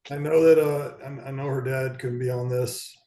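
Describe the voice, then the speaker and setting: A man's voice: mid-range voice, flat delivery, moderate pace, dark tone. A man on a video call speaking earnestly, repeating himself as he recalls a talk with his father. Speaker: family member on a memorial call. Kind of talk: casual conversation on a video call. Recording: roomy echoey video call.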